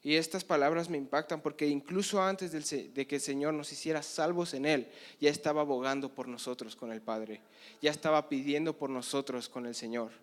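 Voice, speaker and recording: A young man preaches a sermon in a conference hall, passionately telling Bible stories and acting out the dialogue. His voice is fairly high with fairly even intonation, and he speaks a little fast.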